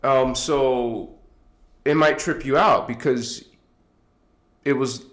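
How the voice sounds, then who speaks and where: Speaking slowly, this man has a mid-range, fairly bright voice, and the room echoes. He's a livestream host rambling chattily into a tripod-mounted phone, congested and often chuckling.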